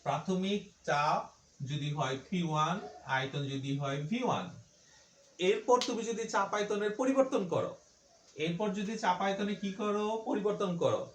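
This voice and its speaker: A male teacher lectures on physics with a fairly high voice. He keeps asking questions and answering them himself, repeating each point so it sticks. The sound is roomy, with a clear echo. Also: animated, normal speed, slight background noise. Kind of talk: classroom lecture. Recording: echoey room.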